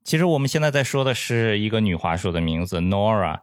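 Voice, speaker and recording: Low-voiced Chinese host, dry sound. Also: male voice, lively intonation, no room sound. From China. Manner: chatty, mixes in English words, halting in English. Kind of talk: casual chat.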